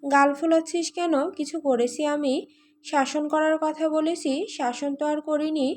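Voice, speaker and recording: A woman's voice: high-pitched, fairly even intonation, unhurried, slight background noise. A woman reading an audio story, voicing a stern, commanding young man who scolds his younger sister. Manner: sharp, scolding.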